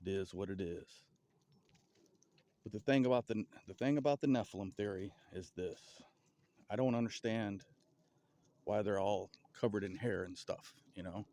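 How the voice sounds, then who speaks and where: Low-voiced rambling Southern man outdoors. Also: mellow. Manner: rambling, halting, with stutters and restarts. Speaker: vlogger. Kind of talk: casual outdoor vlog musing. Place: outdoors in a forest.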